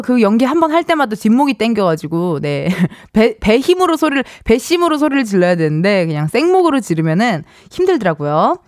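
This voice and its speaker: A woman's voice: medium pitch, no echo, studio quality. A woman hosting a radio show, chatting casually and playfully, laughing often as she reads listener messages. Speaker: radio show host and comedian.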